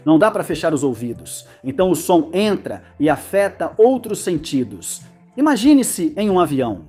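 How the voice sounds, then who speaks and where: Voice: medium pitch, darkish tone. A narrator reading a scripted educational explainer, with playful asides.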